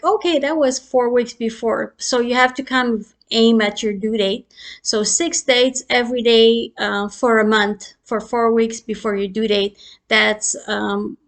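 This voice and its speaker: A middle-aged woman obstetrician explains things casually to the camera. Her voice sits a little high, and her delivery stays loose and conversational. She leans on fillers and laughs lightly between points.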